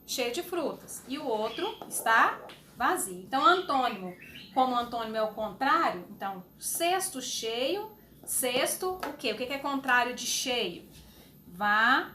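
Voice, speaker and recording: A woman teacher explaining a homework sheet to young children, slowly and patiently, with fond little words. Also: fairly high pitch, expressive, pushed and bright, slight background noise. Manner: slow, patient, uses diminutives. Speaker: schoolteacher.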